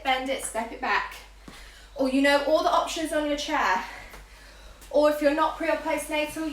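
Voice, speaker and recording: Woman, aerobics instructor, high voice, unhurried pace, encouraging short cues, roomy distant sound. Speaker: fitness instructor leading a live workout class. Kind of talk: aerobics instructor calling out moves and counts. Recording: echoey room, far from mic, faint noise.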